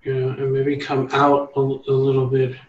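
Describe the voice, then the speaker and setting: A man's voice: medium pitch, monotone, moderate pace, darkish tone, echoey room, dull audio. Encouraging man critiquing artwork. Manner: encouraging, restarts sentences often. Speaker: art instructor leading a meetup. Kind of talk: art critique, casual coaching.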